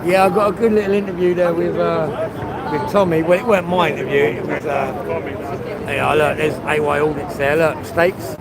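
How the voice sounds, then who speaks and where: Brisk and fairly high-pitched with little pitch movement, a livestreamer talks casually to viewers outdoors on a busy street, swearing often and naming people as he greets them. Street crowd noise is loud behind him.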